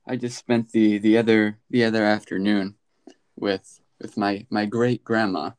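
A man's voice: fairly low pitch, level tone, measured pace, darkish tone, clear, resonant tone, no echo. A man telling a comedic story in a mock-proud, slightly bashful way.

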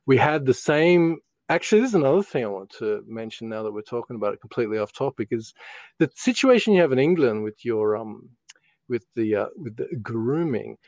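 A man's voice: mid-range voice, sing-song, brisk, darkish tone, no echo, highs cut off. A middle-aged man with a broad Australian accent, telling rambling stories in casual, sweary, slang-filled chat.

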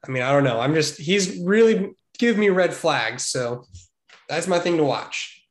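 A male podcast co-host with a slightly raised pitch, chatting casually and with a playful edge. His voice carries a noticeable room echo, as if recorded away from a treated space. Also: expressive, normal speed.

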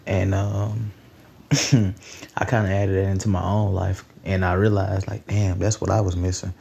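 A man's voice: low voice, little pitch movement, a little slow, creaky, a little mellow, husky. A nineteen-year-old man hosting a solo podcast, rambling in a loose, profane, conversational way. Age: late teens. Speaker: podcast host.

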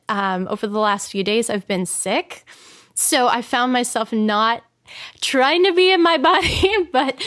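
A woman's voice: fairly high pitch, fairly bright tone, no echo, clean studio sound. A flirty, effusive woman with an American accent, hosting a casual, chatty podcast. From United States. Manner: flirty, effusive, uses endearments. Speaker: podcast host, sex expert.

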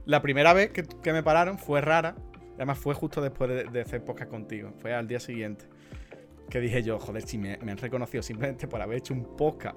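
A man hosting a podcast from Spain, laughing often and telling stories in an animated, eager way. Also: mid-range voice. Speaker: podcast host. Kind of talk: casual podcast chat.

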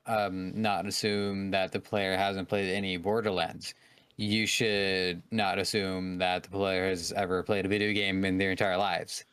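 A man with a somewhat low voice speaks in a casual podcast chat. He lays out his points in a measured, articulate way, building his argument step by step. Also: level tone, a bit bright, clean tone. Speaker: podcast co-host.

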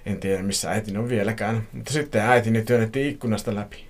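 A podcast host reading a listener's horror story aloud, playful and joking between passages. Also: male voice, fairly low pitch. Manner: playful, laughs at his own reading.

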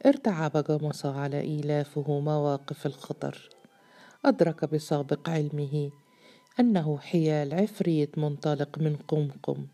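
A woman narrating a literary story with a measured, formal reading. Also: low-pitched, warm tone.

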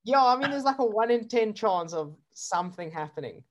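A South African surfer who shoots drone footage chats casually in an interview, relaxed and talkative, with plenty of fillers and laughter. His voice sits high and moves fairly quickly, and the sound is lo-fi.

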